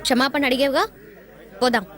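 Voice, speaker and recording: A woman's voice: high-pitched, steady tone, a little fast, a bit bright, a faint crowd. An actress playing a stubborn, proud young woman who defies her father. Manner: defiant, haughty.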